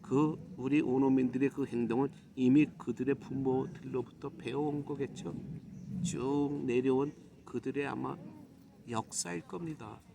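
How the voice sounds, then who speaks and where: A middle-aged man from Korea giving a preachy, admonishing monologue to his viewers, with emphatic pauses. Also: mid-range voice, steady tone, gravelly, noisy background. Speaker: YouTube commentator.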